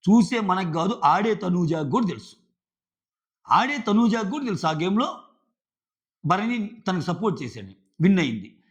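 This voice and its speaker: A man's voice: sits high, normal speed, pauses often. A man reviewing a reality show in casual, argumentative commentary. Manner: animated, argumentative, acts out contestants' lines. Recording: dull lo-fi audio.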